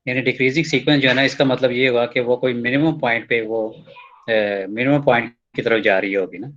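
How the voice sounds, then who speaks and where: Man slowly explaining a math proof. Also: mid-range voice, steady tone, a bit bright. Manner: reads textbook lines slowly, then explains in casual Hindi; mixes English terms into Hindi, with frequent checks like "ठीक है". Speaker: math teacher. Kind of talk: explaining a proof in a recorded lecture. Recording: dull lo-fi lecture recording.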